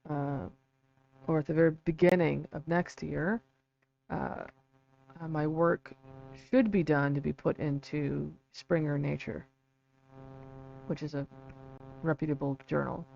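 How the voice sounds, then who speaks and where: A man with vocal fry giving a casual, halting livestream explanation, often checking in with a quick "right?" or "okay". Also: fairly high pitch, darkish tone. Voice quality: vocal fry from an old vocal cord injury. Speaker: livestream host and researcher. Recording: dull lo-fi mic with faint hum.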